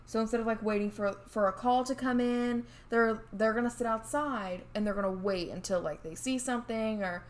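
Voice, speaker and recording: A woman's voice: on the high side, brisk, hardly any pauses. A woman co-hosting a podcast, telling a true story in casual chat with many fillers and restarts. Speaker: podcast co-host.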